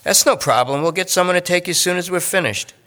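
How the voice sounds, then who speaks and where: Man doing a brisk coaxing detective. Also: high voice, bright, forceful tone, voice pushed up. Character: coaxing middle-aged male police detective.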